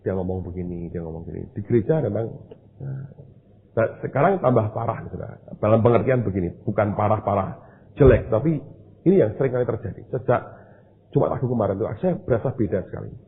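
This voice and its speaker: Indonesian male pastor, lively storytelling sermon, husky voice through a tinny phone-like line. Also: lowish voice, quick pace. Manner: animated storytelling, acting out voices.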